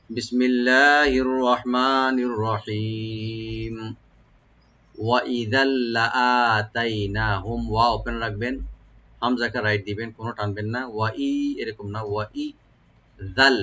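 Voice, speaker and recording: A man teaching the rules of Quran recitation, explaining each sound slowly and then chanting the verse in a long, melodic style. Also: lowish voice, fairly bright tone, dull audio. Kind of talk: tajweed lesson with recitation.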